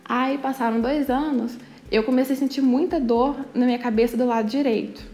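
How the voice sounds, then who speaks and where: A young woman from Brazil shares a personal testimony with a high voice. She tells it earnestly, often slowing down and using many fillers. Soft music plays faintly behind her. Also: steady tone. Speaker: church member sharing testimony.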